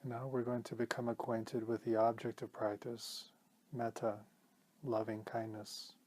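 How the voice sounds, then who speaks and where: A mid-range male voice belongs to a teacher leading a guided meditation. He speaks slowly and deliberately, with calm gentleness and frequent pauses.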